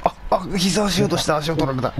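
A man playing a fighting game, bantering excitedly with playful, mock-dramatic exclamations. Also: fairly high pitch, fast. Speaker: video game player.

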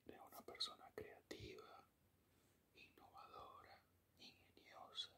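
A man in a whispered role-play as an affectionate boyfriend, speaking tenderly and intimately in a soft, breathy whisper close to the microphone. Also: unhurried. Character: affectionate, doting boyfriend murmuring sweet praise. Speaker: ASMR performer playing a boyfriend. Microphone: close-up microphone, at the ear.

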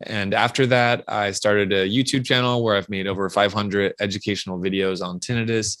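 A man in his thirties, an audiologist answering a viewer's question in a measured, explanatory way. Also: on the low side, fairly even intonation, a bit bright, dry recording. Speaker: audiologist guest.

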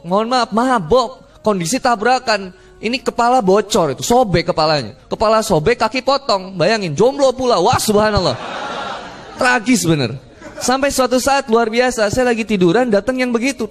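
A man preaching a sermon, telling funny stories and acting out the people in them. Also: extremely high pitch. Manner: jokey, acts out dialogue, frequent laughter from crowd. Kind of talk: humorous sermon storytelling.

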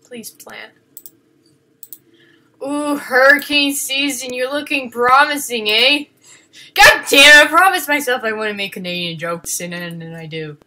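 A woman giving casual game commentary, swinging from panicked shrieks and swearing to low muttering. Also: unhurried, pushed and bright. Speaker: gaming video host.

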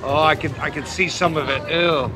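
A man in his forties hosts a casual food challenge vlog outside on a busy street, his voice fairly high and his intonation fairly even as he talks at a moderate pace, sounding exclamatory yet hesitant. He wears a clip-on lapel mic, music plays in the background, and the recording quality is low.

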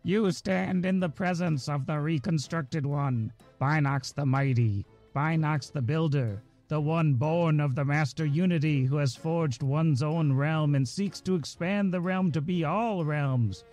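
A man's voice: fairly high pitch, measured pace, hardly any pauses, a little mellow, soft background music, pitched above the performer's own voice, lightly acted. Man voicing a grating metallic robot overlord. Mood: imperious. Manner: pompous, commanding, speaks of itself in the third person. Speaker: game master.

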